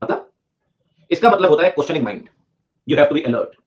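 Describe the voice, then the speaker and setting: A male teacher giving a classroom lecture, joking and urging students to answer quickly, mixing English terms into his talk. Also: a little high, very animated. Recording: muffled lo-fi sound.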